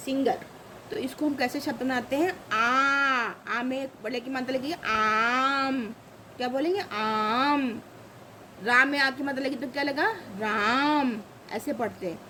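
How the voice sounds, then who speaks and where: A woman's voice: sits high, fairly bright tone, a little hiss or hum, low-quality recording. A woman teaching a grammar lesson, saying each example word twice and asking the class questions. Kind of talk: slow spoken lesson.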